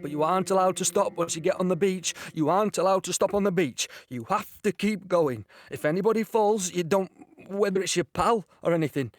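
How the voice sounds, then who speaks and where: An actor playing a young British infantry soldier in an audio drama, firm and matter-of-fact. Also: male voice, sits high, a little fast, few pauses, no echo, studio quality, close to an everyday voice.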